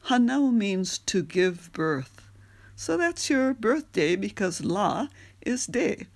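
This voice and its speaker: Her gravelly, mid-range voice swings widely in pitch and moves slowly as this woman, a language teacher, works through an audio lesson. She spells words out with patience and repeats phrases, in a leisurely session covering pronunciation and singing.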